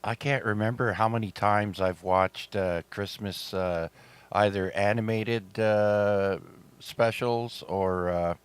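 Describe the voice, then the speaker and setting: Man, deep voice, middle-aged, radio net host, relaxed chatty delivery, lots of uh's, slightly sore throat. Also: takes it slowly, smooth. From Canada. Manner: relaxed, chatty, many fillers. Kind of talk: amateur radio net chat.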